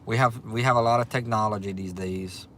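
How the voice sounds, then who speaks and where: Chatting fairly quickly on a casual restaurant livestream, this easygoing Louisiana man in his forties responds to viewer comments and tends to repeat himself. His voice is fairly low, fairly bright, and fairly even, with faint restaurant ambience and a little hiss or hum.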